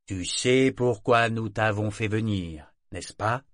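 A man's voice: lowish voice, slow, dry recording, studio quality. A man playing a shrewd middle-aged ship captain who speaks in a firm, emphatic, stern way.

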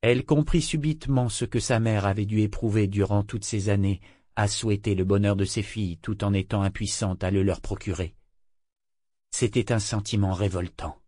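A man narrating an audiobook in a measured, expressive reading. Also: on the low side, no room sound, studio quality. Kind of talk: scripted narration.

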